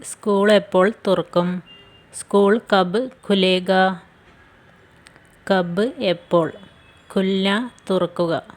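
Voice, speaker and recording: A woman teaching phrases in a scripted lesson, repeating each phrase slowly and carefully. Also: medium pitch, fairly even intonation. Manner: slow, careful phrase-by-phrase drilling with repetition. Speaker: language teacher.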